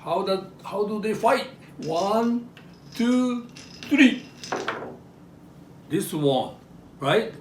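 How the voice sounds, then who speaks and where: A Japanese man with a Japanese accent presents traditional toys in a live show-and-tell, often checking in with his audience through short questions. His voice sits high and sounds animated yet darkish, and he speaks extremely slowly with long pauses. The recording is roomy, with a distant mic and background noise.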